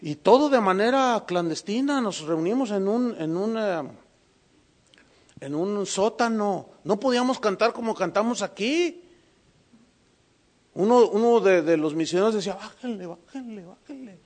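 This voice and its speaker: A man preaching a sermon with a high voice, his delivery dynamic as he tells a story. He drops to a hush on some lines and pushes hard on others. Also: lively intonation, unhurried. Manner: dynamic, swings from hushed to emphatic.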